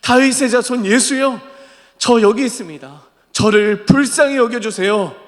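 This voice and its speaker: A man voicing a desperate blind beggar crying out loudly for mercy, recorded in a church sanctuary. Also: very high-pitched, normal speed, pitched above the performer's own voice. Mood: desperate pleading. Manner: pleading, loud and drawn out. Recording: long church hall reverb.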